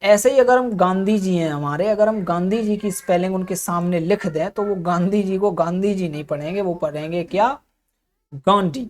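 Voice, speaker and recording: सवाल पूछकर खुद जवाब देती शिक्षिका. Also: female voice, lowish voice, a little fast, hardly any pauses, a little mellow. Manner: asks herself questions and answers them. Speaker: English teacher. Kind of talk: explanatory spoken lesson.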